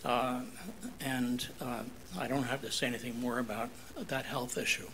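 An older man standing at a podium in a council chamber, earnestly giving a public hearing comment with halting fillers. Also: mid-range voice, little pitch movement, sharp tone, slight background noise, rough recording. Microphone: podium microphone.

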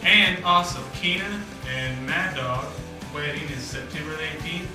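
A man's voice: fairly high pitch, normal speed, very echoey, distant mic, over music, natural voice, low-quality recording. A man playing a goofy news intern. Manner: eager, playful banter. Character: goofy young male news intern sidekick.

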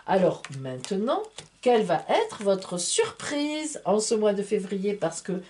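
A tarot reader and astrologer reads a monthly horoscope from tarot cards to camera in a casual, chatty, playful way, full of fillers like hein and voilà. Her mid-range voice is slow and darkish in tone, with big pitch swings.

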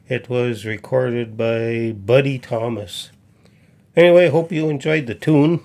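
A man in his fifties speaks slowly, with a gravelly, creaky texture. He welcomes his viewers in a folksy, pause-filled way before reading scripture aloud. He is recorded on a desk mic in a small home music room. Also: medium pitch. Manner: folksy, unhurried, with frequent pauses. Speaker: folk musician and host. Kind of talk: casual chat and Bible reading. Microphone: desk condenser mic in front.

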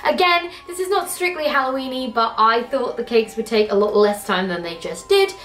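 Fairly high-pitched and fairly bright, with lively intonation at a moderate pace, this young adult British cooking vlogger chats casually in her kitchen. She rambles and mocks her own mistakes, with faint music in the echoey room.

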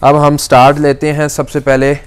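In a product demonstration at an electronics shop, a young man shows off a kitchen appliance one step at a time. His voice is slightly high and monotone at a normal pace, with a faint hiss or hum. He speaks patiently, stretching "aa" sounds between phrases.

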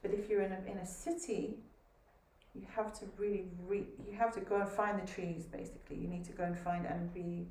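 Calm woman panelist, distant echoey sound. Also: mid-range voice, brisk. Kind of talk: reflective panel answer. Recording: distant echoey room, faint noise.

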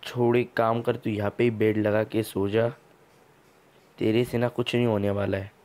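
A man's voice: lowish voice, flat delivery, moderate pace, darkish tone. A man hosting a gameplay video, giving casual commentary full of teasing, mock-scolding banter.

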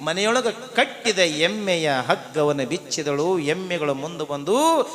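High, animated storyteller man. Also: unhurried. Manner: dramatic, sing-song delivery with acted character voices. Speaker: purana storyteller. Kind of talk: devotional storytelling sermon. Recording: long hall reverb with faint music.

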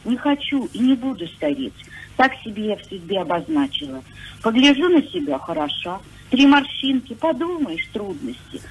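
A woman in her sixties calling a radio show. She speaks hesitantly at first, then recites a poem with lively emphasis. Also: high voice, moderate pace, creaky, slight background noise, low-quality recording. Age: 60s. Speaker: caller.

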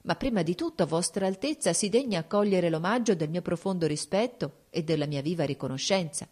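A woman's voice: fairly low pitch, animated, brisk, darkish tone, slightly rough. A woman reading an audiobook, voicing a shrewd, composed court duchess who speaks frankly and persuasively.

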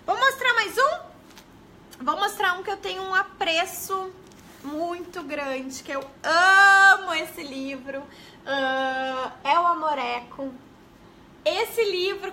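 A woman's voice: high voice, slow, sharp tone, slight background noise. A young woman with a Brazilian Portuguese accent, an early-literacy educator giving chatty tips in a casual live stream. She greets viewers and tags her sentences with questions.

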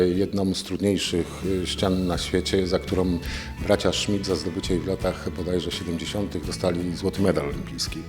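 A man giving spontaneous, halting and reflective interview answers as a mountaineer. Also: sits low. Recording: very reverberant hall, music behind.

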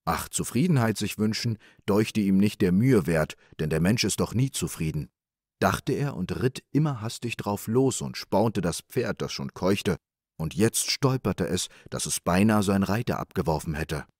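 A man narrating a fairy tale at bedtime with calm, expressive storytelling. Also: deep voice, moderate pace, no echo, clean studio sound. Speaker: audiobook narrator.

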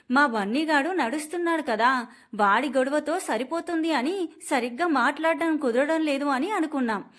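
A woman narrating a first-person story in an earnest, dramatic way. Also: high-pitched.

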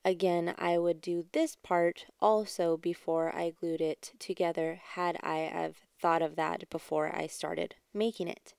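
A woman's voice: fairly low pitch, steady tone, measured pace, gravelly, few pauses, smooth, dry recording. A woman hosting a craft channel, chatting through a DIY tutorial in a voice-over recorded at home. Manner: chatty, explaining step by step; quiet, subdued delivery. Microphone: home voice-over mic.

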